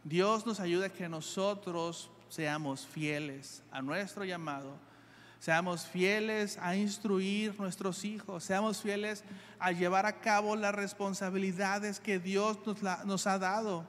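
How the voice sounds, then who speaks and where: A man's voice: high-pitched, fairly even intonation, slow, a bit bright. A man preaching a sermon, reading scripture aloud and explaining it with earnest repetition. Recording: long hall reverb.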